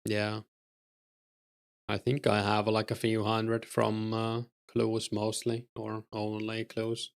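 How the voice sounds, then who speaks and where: Playing a game, a Finnish-accented streamer from Finland talks with his viewers in a low, gravelly monotone. He takes his time and answers them in a relaxed manner with plenty of fillers.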